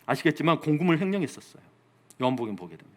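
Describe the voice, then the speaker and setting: A man's voice: on the high side, big pitch swings, rapid-fire. A pastor preaching a sermon, asking his congregation questions and answering them himself. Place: church.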